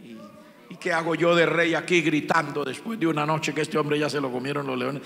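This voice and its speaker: A man's voice: a little high, steady tone, fairly quick, creaky, fairly bright tone. A man with a Colombian accent preaching a sermon as pastor, impassioned and emphatic, driving points home by repetition. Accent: Colombian Spanish. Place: church sanctuary. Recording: long church reverb.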